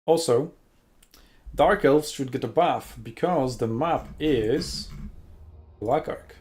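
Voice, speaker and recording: A man calling a strategy game tournament like a casual chat with a co-caster. He jokes and rambles, with plenty of fillers. His voice sits at an ordinary middle pitch. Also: slow pace, a little mellow. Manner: chatty, jokey, rambling with fillers. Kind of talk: casual esports commentary.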